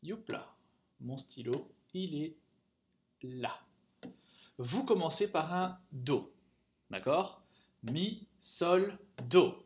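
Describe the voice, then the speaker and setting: A man's voice: on the high side, expressive, extremely slow, long pauses, a little hiss or hum. A man teaching a music theory lesson, counting rhythms aloud, singing note names and checking in often with the class.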